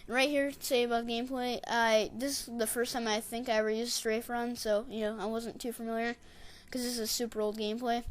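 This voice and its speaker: A woman casually narrating her gameplay in a rambling, digressive way, and getting excitable when she tells a story. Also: a little high, a little fast, hardly any pauses. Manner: excitable, shouts catchphrases when retelling. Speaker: gameplay commentator.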